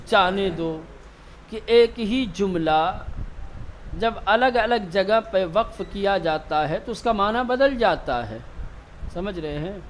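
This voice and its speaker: A man teaching tajweed in a classroom, asking his students questions and answering them himself, slowing down to repeat key terms. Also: high voice, a little hiss or hum. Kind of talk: classroom lecture.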